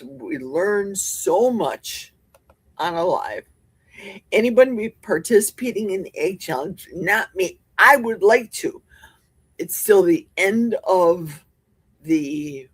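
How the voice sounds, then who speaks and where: Speaking into a desk mic with a cough button, a woman runs a casual livestream from her home basement, chatty and jokey as she handles viewer comments. Her voice is husky and on the low side, with no echo.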